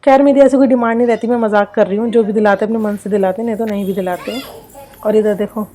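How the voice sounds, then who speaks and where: A woman's voice: medium pitch, steady tone, quick pace, warm tone. A young woman from India narrating her family vlog in a chatty, rambling, confiding way, sleepy late at night. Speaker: vlogger.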